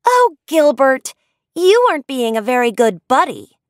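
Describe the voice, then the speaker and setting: A prim little schoolgirl with a bright, sing-song lilt, as a woman puts her on. She chides slowly and sweetly, close and dry. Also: high-pitched, big pitch swings, dry recording, voice pushed up. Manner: chiding. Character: young schoolgirl, prim and chiding.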